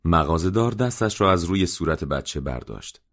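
A man reading a story aloud in a measured, subdued narration. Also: sits low, animated, fairly bright tone. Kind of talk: scripted audiobook narration.

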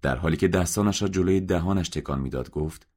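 A man reading a story aloud in a measured, subdued narration. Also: low voice, a little mellow. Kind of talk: scripted audiobook narration.

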